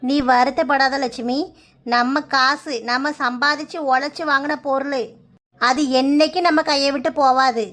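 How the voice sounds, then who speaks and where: A woman's voice: high-pitched, steady tone, unhurried, a bit bright, slight background noise. A woman voicing a kindly older village woman in a cartoon, reassuring in a Kanyakumari Tamil accent. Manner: soothing, reassuring.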